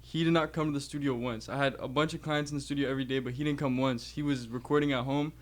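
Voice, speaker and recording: A male music producer rattles along quickly in a radio studio chat. He keeps a mid pitch, talks loosely, and peppers his sentences with you know. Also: fairly even intonation. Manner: fast, chatty, uses you know a lot. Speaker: producer and mixing engineer. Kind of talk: casual interview.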